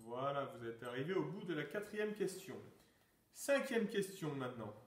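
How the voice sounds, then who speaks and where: A fairly high-voiced man quizzing his pupils on sport trivia and calling out "top" before each workout exercise. He sounds set back from the mic in a reverberant room, reading each answer choice in a teacherly way. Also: animated, normal speed. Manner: announcing questions, calling out "top!" to start exercises. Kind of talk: lockdown quiz and exercise session. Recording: echoey room, mic far off.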